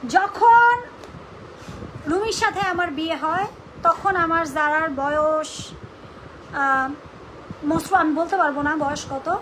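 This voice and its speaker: A woman speaking unscripted on a livestream in an indignant, confrontational, shrill voice. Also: slow pace, pauses often, a bit bright, a little hiss or hum, poor audio. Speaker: live-streamer rebutting accusations about own family.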